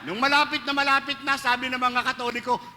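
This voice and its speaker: Set in a large, reverberant church with faint ambience and background noise, this sermon comes from a priest with a Filipino accent who jokes and tells stories in Filipino and English. His very high voice is fast and shows little pitch movement.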